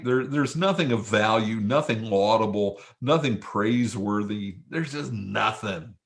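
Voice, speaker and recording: A man preaching a sermon in a conversational way, with stammered restarts and stories from sports. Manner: animated, pitch jumps high for emphasis. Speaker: pastor.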